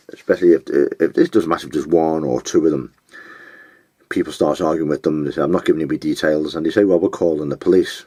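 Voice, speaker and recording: A man giving advice in an unscripted monologue, blunt and scornful, with frequent pauses and filler words. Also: very deep voice, a little mellow, no echo. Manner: blunt, scornful, name-calling; halting, with many fillers.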